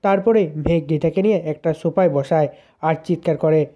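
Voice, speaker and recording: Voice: mid-range voice, moderate pace, mellow. A narrator plainly retelling a serial's episode as a story. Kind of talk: storytelling recap. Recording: dull lo-fi sound.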